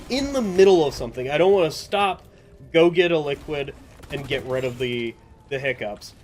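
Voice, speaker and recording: A man's voice: mid-range voice, a little hiss or hum. A man giving casual, rambling commentary over his own gameplay, chatty and self-mocking, often tripping over his words.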